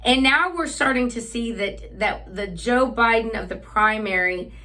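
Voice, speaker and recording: Unhurried yet forceful, this woman's bright, fairly high voice drives a sarcastic, combative political monologue. As host, she frequently uses fillers and restarts her sentences.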